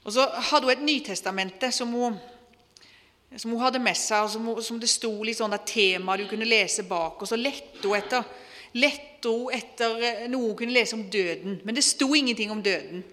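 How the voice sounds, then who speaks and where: A woman preacher retelling a testimony in an earnest, measured sermon style. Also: fairly high pitch, a bit bright, long reverb tail. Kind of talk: sermon storytelling.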